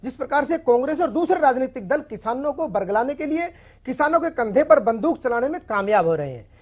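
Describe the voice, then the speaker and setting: A man's voice: extremely high pitch, very animated, brisk, a little mellow, highs cut off. Insistent male party spokesperson. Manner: insistent, presses to keep the floor. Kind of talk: TV news debate.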